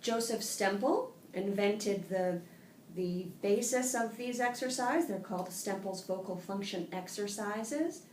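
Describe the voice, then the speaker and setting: A woman's voice: medium pitch, a little slow, recorded from a distance, slight background noise. Woman voice therapist explaining vocal exercises. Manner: calm explanatory, demonstrates sung vocal sounds. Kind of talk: instructional voice exercise lesson. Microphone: tablet recording. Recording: roomy tablet recording with faint ambience.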